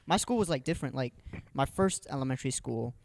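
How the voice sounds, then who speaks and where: A young man in casual podcast chat, rambling and quick to agree with the others. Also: medium pitch, lively intonation, gravelly, darkish tone, in a large hall.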